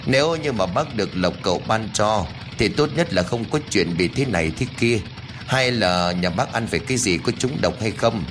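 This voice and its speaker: A man's voice: fairly low pitch, lively intonation, normal speed, background noise, natural voice. A man voicing an inquisitive village man who asks questions insistently.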